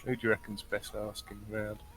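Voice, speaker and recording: A man's voice: fairly low pitch, monotone, brisk, fairly bright tone, faint music behind, rough recording. A man playing in a tabletop game, chatting eagerly. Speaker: player. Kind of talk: casual tabletop game chat.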